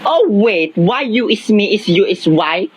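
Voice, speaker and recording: A man voicing a pompous show-off who speaks slow, broken English in a comedy skit. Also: high voice, lively intonation. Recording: dull lo-fi sound, faint noise.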